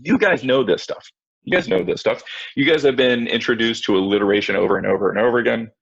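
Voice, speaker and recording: Male teacher, low and gravelly, casual and self-mocking in an online lesson; dry, muffled video-call audio. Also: fast talker, no room sound. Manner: casual, self-mocking, talks to students directly. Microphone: computer mic on video call.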